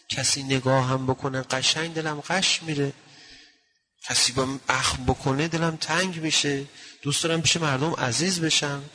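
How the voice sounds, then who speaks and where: A man giving a religious sermon, telling stories and swinging from quiet to loud. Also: mid-range voice. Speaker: preacher. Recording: long hall reverb.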